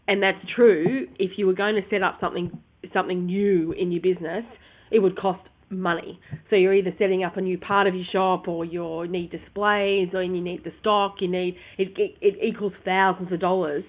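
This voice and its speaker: A woman's voice: on the low side, steady tone, moderate pace. A woman co-hosting a casual business chat, rambling and sometimes losing her train of thought. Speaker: podcast co-host. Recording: phone-like narrow sound.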